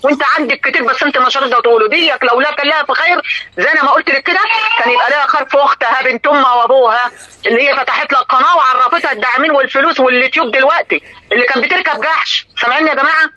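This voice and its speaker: An older woman with an Egyptian accent hosting a live stream, talking in an indignant, scolding, rapid-fire way to her viewers and a caller. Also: sits high, bright, forceful tone, lo-fi sound. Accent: Egyptian Arabic.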